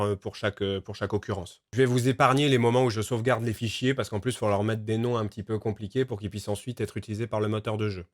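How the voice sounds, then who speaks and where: A man explaining his voice-recording work in a relaxed, casual vlog, often pausing on fillers. The sound is dry and close. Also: mid-range voice, dry recording. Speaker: game developer and voice actor.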